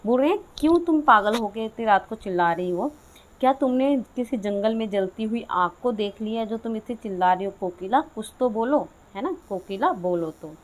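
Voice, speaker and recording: A woman's voice: a little high, lively intonation. Woman teacher explaining a poem to students. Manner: addresses listeners as "बच्चा", reads verses slowly then explains in quick chatty asides. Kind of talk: Hindi poetry lesson explaining a class nine text.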